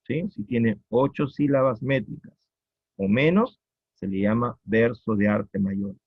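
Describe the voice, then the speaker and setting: Slow husky Peruvian teacher. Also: male voice, medium pitch, no echo. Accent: Peruvian Spanish. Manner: slow, repetitive explaining with checking questions. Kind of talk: classroom lecture on poetry. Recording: dull lo-fi recording.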